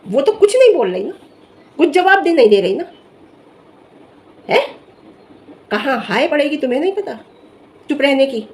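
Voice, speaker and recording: A woman's voice: high voice, normal speed, pauses often. A young woman vlogger giving an emphatic, scolding commentary to camera. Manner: scolding, emphatic, animated rant. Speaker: vlogger reviewing social media drama.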